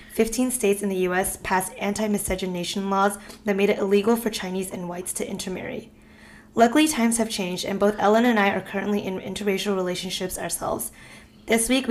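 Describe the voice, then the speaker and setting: Woman podcast host reading an intro. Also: mid-range voice. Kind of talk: scripted intro then casual chat.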